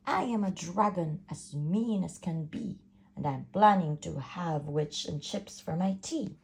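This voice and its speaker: A greedy storybook dragon drawls his threats in a low voice, as a woman reading aloud puts him on. He speaks slowly, with a gravelly texture. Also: darkish tone. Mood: menacing. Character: big mean male dragon, greedy.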